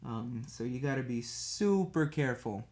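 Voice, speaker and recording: A man's voice: medium pitch, expressive, normal speed, a little mellow. Rambling man chatting while painting. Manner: rambling and chatty, self-deprecating with frequent laughs; talks absent-mindedly while working with a brush. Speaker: streamer painting miniatures. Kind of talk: casual chat while painting on a livestream.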